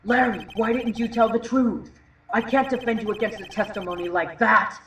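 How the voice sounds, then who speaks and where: A man's voice: high-pitched, steady tone, normal speed, bright, forceful tone, echoey room, slight background noise, poor audio. A man playing a nervous, inexperienced young defense lawyer, hesitant and flustered, in a game fandub. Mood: worried. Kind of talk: game fandub acting, inner monologue.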